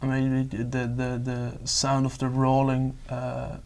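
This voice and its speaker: Hesitant young man, gravelly. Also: mid-range voice, completely flat delivery, unhurried, darkish tone. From Netherlands. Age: young adult. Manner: hesitant, searching for words. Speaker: exam candidate. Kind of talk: spoken exam discussion.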